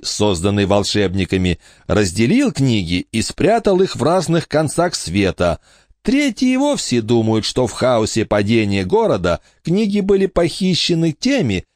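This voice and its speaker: Guy voicing a smooth sneering countess, swoops up and down a lot, dry close mic. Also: medium pitch, darkish tone, no echo, voice pushed up, natural voice. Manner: smooth, condescending, coaxing. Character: cold, silky scheming noblewoman, a countess. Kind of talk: audiobook character voice.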